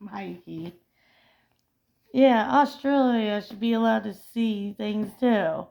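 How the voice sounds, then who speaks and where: A woman co-hosts a casual pop culture chat, reading film trivia aloud and frequently stumbling over her words and correcting herself. Her voice is medium-pitched and creaky, she takes her time, and the audio sounds dull.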